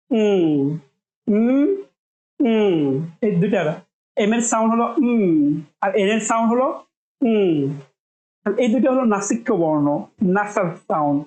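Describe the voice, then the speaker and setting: A woman's voice: medium pitch, darkish tone, roomy sound, poor audio. Woman teaching pronunciation, repeating sounds. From Bangladesh. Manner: repeats sounds slowly and clearly for learners to copy. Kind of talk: spoken lesson, demonstrating sounds.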